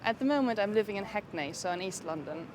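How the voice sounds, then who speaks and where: A woman's voice: medium pitch, lively intonation, quick pace, background noise. A woman from Germany talking enthusiastically about her travels in a street interview. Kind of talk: casual chat.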